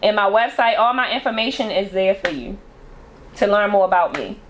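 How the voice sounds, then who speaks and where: A woman's voice: mid-range voice, expressive, fairly quick, a little hiss or hum. A woman guest on a podcast, chatting casually and emphatically, often laughing. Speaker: podcast guest, salon owner. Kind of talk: casual chat.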